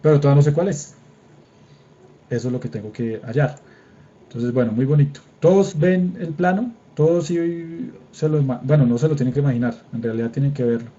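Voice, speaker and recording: A young Colombian man with a Colombian Spanish accent teaches an online engineering drawing class with a screen demo, informal and patient, often checking that students are following. His voice is medium-pitched, fairly even, a little fast and mellow, recorded on a computer mic over a video call with slightly dull audio.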